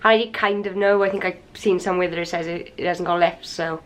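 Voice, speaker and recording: A tired woman vlogs casually to a handheld camera from a hotel room, chatty and rambling, wheezy and a little out of breath from a cold. Her lowish, slightly raspy voice holds a steady tone, fairly bright, at a slightly fast pace.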